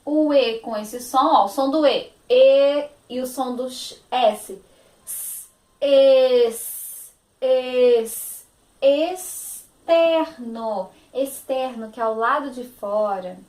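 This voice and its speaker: A woman's voice: on the high side, unhurried, few pauses, reverberant. A woman teacher with a Brazilian Portuguese accent, giving a phonics lesson to young children, stretching out words in a sing-song, affectionate manner.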